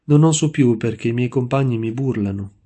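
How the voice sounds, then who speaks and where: A man's voice: mid-range voice, fairly quick, dark tone, slightly rough, natural voice. A man voicing a shy, poor sixteen-year-old boy who gives short, timid answers.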